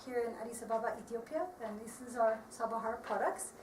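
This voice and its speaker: An American woman who works as a marketing advisor explains things earnestly and steadily in an interview at a workshop, often using ums and restarting her sentences. Her voice is fairly high and she talks fast. The room is echoey, her voice sounds distant, and there's faint background noise.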